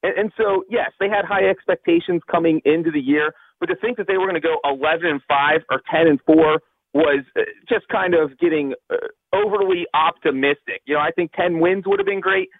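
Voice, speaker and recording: A man from Cincinnati calling in over the phone as a guest analyst on a sports radio show, talking fast and sure of himself with plenty of fillers. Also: on the high side, lively intonation, gravelly, no echo. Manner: quick, confident, thinks aloud with fillers. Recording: tinny phone line.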